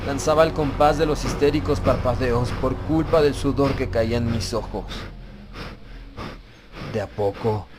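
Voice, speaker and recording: A man reads first-person horror narration in a mid-range voice, a little slow, keeping it grave, dramatic and suspenseful. The background is noisy, with loud music under his voice.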